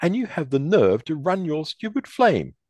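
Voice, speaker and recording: A man's voice: on the high side, huge pitch swings, moderate pace, a little mellow, dry recording, pitched above the performer's own voice. An indignant character snaps and complains in a raised, huffy voice. A man puts him on. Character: indignant, snippy male triplet.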